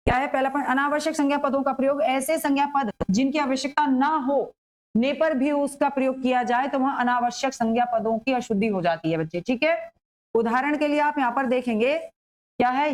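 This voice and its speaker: High-voiced woman teaching grammar. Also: poor audio. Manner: explains slowly, asks and answers her own questions. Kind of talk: exam-prep grammar lesson.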